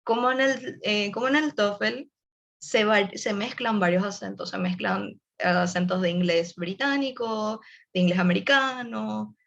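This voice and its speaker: In a casual online webinar, a young woman offers tips and speaks directly to her audience. Her mid-range voice is gravelly and a bit bright, and the audio is dull.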